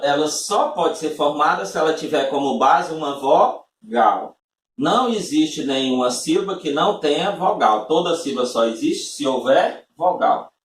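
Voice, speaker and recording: Speaking a little high, a man delivers a classroom-style lesson step by step, frequently tacking on questions to make sure his listeners follow. The recording catches him from a distance in an echoey room, off-mic, with a slight hiss or hum.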